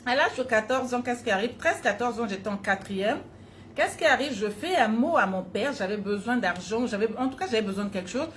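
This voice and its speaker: A woman's voice: fairly high pitch, a little fast, a little hiss or hum. A woman coach giving a motivational talk, telling her own childhood story and speaking directly to her listeners. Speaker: personal development coach.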